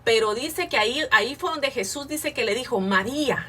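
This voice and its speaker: A woman's voice: sits high, fairly quick, fairly bright tone, slightly rough, far from the mic. A woman giving an informal Bible class, reading passages aloud and explaining them earnestly, often checking in with her listeners. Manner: earnest, frequent filler sounds and restarts, rhetorical tag questions.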